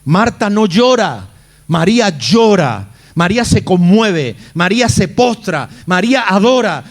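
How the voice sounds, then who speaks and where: Male pastor, high voice, dramatic sermon delivery. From Spain. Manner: dramatic, acts out the Bible figures' lines.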